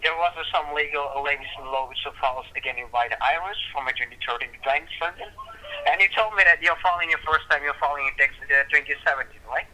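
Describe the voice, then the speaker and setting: A man rattles along in a very bright, piercing voice over the telephone. He has the formal, repetitive delivery of a call-center agent working through a script, with halting phrasing and a slightly high pitch. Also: a little hiss or hum. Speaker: phone scam caller posing as tax official. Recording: thin telephone line.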